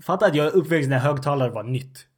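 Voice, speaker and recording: A man's voice: a little high, husky. A man in his twenties with a suburban Stockholm accent, co-hosting a casual podcast and telling stories about himself. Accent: Stockholm suburban Swedish. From Sweden, near Stockholm. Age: 20s. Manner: animated, self-mocking storyteller. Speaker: podcast co-host. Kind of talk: casual chat.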